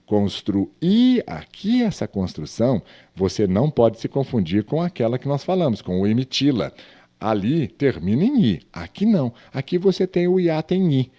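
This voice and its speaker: A man's voice: medium pitch, big pitch swings, normal speed, warm tone. A man teaching grammar in an online lesson, stretching words out emphatically and asking the viewer questions.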